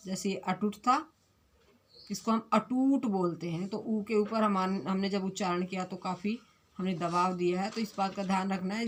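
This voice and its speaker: A woman teaching a fifth-grade Hindi grammar lesson online, speaking in a patient, repetitive way and carefully correcting words one at a time. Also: mid-range voice. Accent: Punjabi. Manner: explains slowly and repeats corrections.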